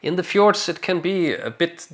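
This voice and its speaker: A young man, from Denmark, talking casually in a relaxed and hesitant way, with frequent fillers and restarts. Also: high voice, normal speed. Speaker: vlogger. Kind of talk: casual conversational vlog chat.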